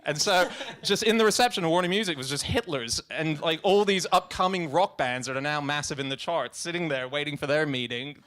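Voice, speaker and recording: A man's voice: a little high, brisk, hardly any pauses, fairly bright tone. A young man telling a story on stage at a film event, rambling and stop-start with laughing asides. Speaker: guest filmmaker. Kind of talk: live on-stage conversation.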